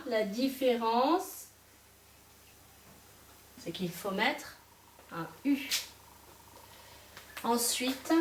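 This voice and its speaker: A woman teacher giving a dictation to young pupils, pausing between syllables and speaking slowly and clearly. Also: a little high. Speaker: primary school teacher. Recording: echoey room, voice from a distance, faint hiss.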